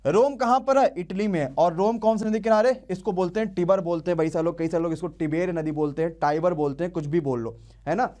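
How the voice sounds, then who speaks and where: Young guy teaching exam prep online, fairly high voice, keeps firing questions and repeating answers. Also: quick pace. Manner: energetic call-and-response drilling, quizzing students. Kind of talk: live online class.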